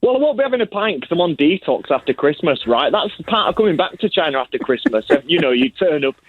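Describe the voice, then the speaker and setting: A man's voice: on the high side, big pitch swings, fast, no echo. A man from Leeds with a Yorkshire accent, chatting casually as a cheerful, blunt caller on a radio show and acting out what people said. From Leeds, England. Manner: cheerful, blunt storytelling with acted-out quotes. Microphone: phone call. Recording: tinny narrow phone line.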